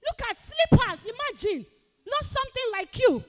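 Bella: very high, shouting, vain and short-tempered. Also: female voice, very animated, moderate pace, a little hiss or hum, exaggerated voice. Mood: furious. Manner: shouting, indignant, theatrical. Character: vain, hot-tempered single young woman. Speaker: single woman meeting a suitor. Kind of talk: comedy skit acting.

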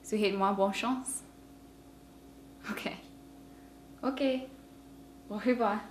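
A young woman, talking in a flat, detached, deadpan way, as in a mock art-film. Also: medium pitch, a little hiss or hum. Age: young adult. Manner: flat, detached, unhurried delivery. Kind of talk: deadpan art-film narration and phone scenes. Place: house kitchen, indoors.

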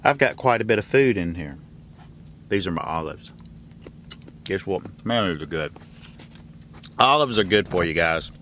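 Man, 40s, trucker vlogger; chatty and lively, with loud truck noise in the background. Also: low voice, measured pace, long pauses. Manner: chatty, folksy, talks straight to camera. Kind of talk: casual cooking vlog. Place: truck sleeper cab, later outdoors at a fuel stop. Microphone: handheld camera close up. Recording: noisy truck and road ambience.

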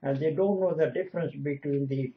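An older retired lecturer whose first language is Punjabi expounds the Bible slowly and earnestly at home, lecturing and repeating lists of divine names. His voice is fairly high-pitched. It's a home video shot in a small indoor room, with dull lo-fi webcam audio.

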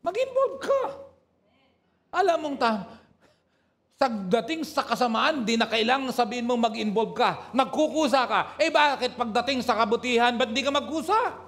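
A man in his sixties from Pangasinan, with a Pangasinan accent, preaching a lively call-and-response sermon and often laughing. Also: extremely high pitch, moderate pace. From Pangasinan, Philippines. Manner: animated, teasing, laughs often. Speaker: pastor.

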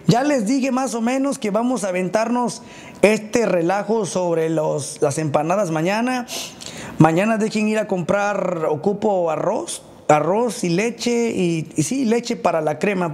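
A man's voice: high-pitched, a little mellow. A Mexican man livestreaming casually, greeting viewers in crude slang and ranting combatively. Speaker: livestreamer and baker. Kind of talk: casual live stream chat greeting viewers.

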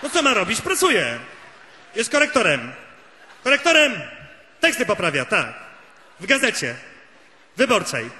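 A man's voice: high-pitched, huge pitch swings, normal speed, pauses often, pushed and bright, slight background noise. Exasperated man in a stage phone monologue. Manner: one side of a phone call, exasperated. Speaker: cabaret comedian. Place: large hall on stage. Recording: live stage with hall echo and audience.

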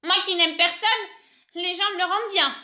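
Woman doing a grumpy old witch, storybook, muttering, sighing, high bright voice. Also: fairly even intonation, normal speed, heavily acted. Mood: grumbling. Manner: grumbling, sighing, muttering "non, non, non".

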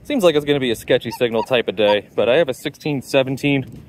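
A man's voice: mid-range voice, expressive, fast, a little hiss or hum. Chatty young man hosting a beach vlog. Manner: chatty, addresses viewers directly. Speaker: host of a metal detecting vlog. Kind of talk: casual vlog narration. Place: outdoors at a beach. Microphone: handheld phone.

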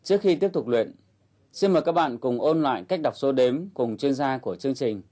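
A man leads an English lesson in a calm, explanatory voice. His tone is mellow and dark, and he guides listeners step by step. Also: mid-range voice, fairly quick. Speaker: English teacher host. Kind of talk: instructional narration.

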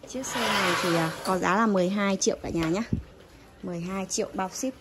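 This noisy handheld phone clip features a bicycle seller speaking a little fast at medium pitch. She films while politely and casually taking customers through what she has for sale and how much each item costs.

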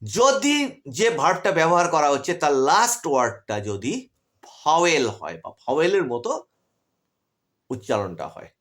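A man with a Bengali accent teaching English grammar in an online class, asking his students questions and answering them himself. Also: normal speed. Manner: lively, rises and drops sharply in pitch, asks questions then answers them.

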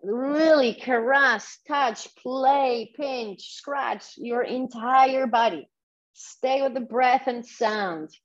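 A woman's voice: high voice, extremely slow. A woman, a guest on a podcast, who talks enthusiastically and guides listeners step by step. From Poland. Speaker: guest, sexuality coach. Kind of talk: podcast interview. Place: home in Tulum. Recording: dull lo-fi audio.

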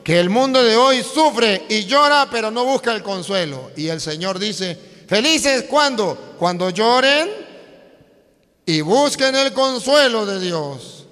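A male priest with a high, bright voice preaches to young people at an unhurried pace. He is emphatic and repeats himself, speaking straight to the crowd. His voice rings with the long reverb of a large hall. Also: animated. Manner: emphatic and repetitive, addresses the crowd directly. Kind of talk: lively sermon.

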